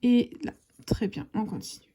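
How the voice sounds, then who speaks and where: A woman's voice: fairly high pitch, expressive, moderate pace, dark tone. A woman hosting a casual video, scratching lottery tickets and chatting to her viewers as friends, sometimes dropping to a half-whisper. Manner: chatty, addresses viewers as "les copains". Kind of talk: casual scratch-card commentary.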